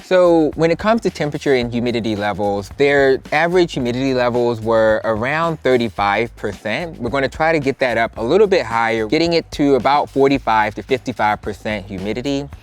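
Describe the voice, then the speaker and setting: A man's voice: mid-range voice, expressive, fairly quick, hardly any pauses. A man hosts a home plant makeover in a campy, upbeat style. He leans theatrically on his words and talks playfully, as if to a darling. Music plays behind him. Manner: campy, playful, addresses people as darling and honey. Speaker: houseplant expert and makeover host. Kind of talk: upbeat makeover show presenting.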